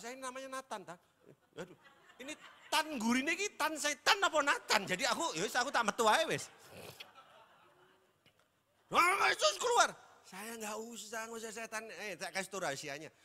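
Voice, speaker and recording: A man, a pastor preaching an animated, joking sermon that keeps quizzing the congregation. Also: high-pitched. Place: church hall. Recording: echoey church hall.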